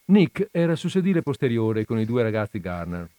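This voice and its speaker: A man's voice: mid-range voice, big pitch swings, a little fast, mellow, dry recording. A man reading a short story aloud, with chatty asides before he starts the reading. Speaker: reader of short stories. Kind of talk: reading literary fiction aloud.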